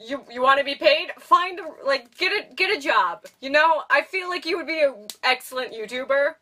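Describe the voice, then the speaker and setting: A woman's voice: high voice, animated, moderate pace, bright, forceful tone, distant mic. A woman casually reviewing a movie in a chatty, giggly way, full of fillers. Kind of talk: casual chat.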